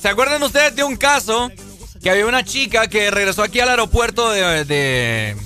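Radio host, Honduran man, very high bright voice, jokey banter, faint music bed. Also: animated, moderate pace. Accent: Honduran Spanish. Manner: playful, laughs often, shouts catchphrases. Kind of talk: morning radio call-in banter.

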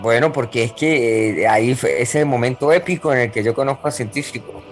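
A man's voice: mid-range voice, brisk. A man in his late twenties with a Venezuelan accent, telling a story in a casual, rambling way and repeating words as a podcast co-host. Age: 20s.

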